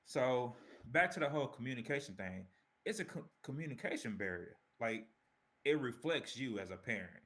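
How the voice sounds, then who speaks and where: A man in casual panel talk presses his point hard, repeating words as he goes. His pitch is middling and his delivery stays plain. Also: animated, normal speed, a bit bright.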